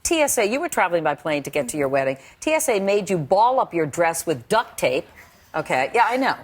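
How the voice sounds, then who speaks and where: A woman's voice: lowish voice, big pitch swings, a little fast, slightly rough. A woman hosting a live studio talk show, setting up a story with a playful, teasing manner.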